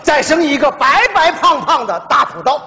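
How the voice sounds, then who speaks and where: A man's voice: very high-pitched, animated, bright, forceful tone, exaggerated voice. An actor playing a doting, clueless middle-aged father in a stage comedy sketch, boastful and theatrical. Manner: boastful, theatrical, drawn-out slogans. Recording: reverberant stage hall.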